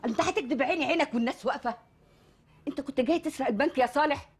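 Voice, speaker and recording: Comedy film: actress playing Egyptian mother, high, rapid, reproachful. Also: natural voice. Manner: scolding, reproachful. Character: scolding mother of a grown son.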